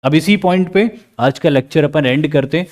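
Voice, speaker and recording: A man with an Indian accent giving a lively recorded history lecture, asking questions and acting out students' answers. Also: fairly high pitch, normal speed. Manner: lively, asks questions and acts out students' replies. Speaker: history teacher.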